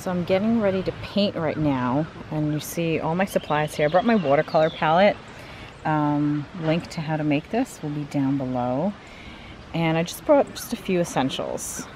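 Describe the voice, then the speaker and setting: A woman's voice: sits low, normal speed, a little mellow, a little hiss or hum. A young woman chatting cheerfully as she films herself at a wooded campsite, with the camera held at arm's length. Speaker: artist vlogger. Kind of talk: casual vlog narration.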